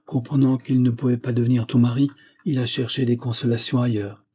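A frail old grandfather, pious and tender, pleading with soft earnestness, as a male reader voices him. The voice is dark and mellow with a husky edge, in a storybook reading. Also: medium pitch, level tone, fairly quick, close to an everyday voice. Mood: earnest.

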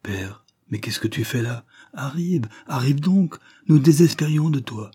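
A man voicing a tall, slim, cheerful young man in an audiobook, talking briskly and reassuringly. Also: mid-range voice, animated, mellow, husky, pitched above the performer's own voice. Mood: warm. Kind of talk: audiobook character reading.

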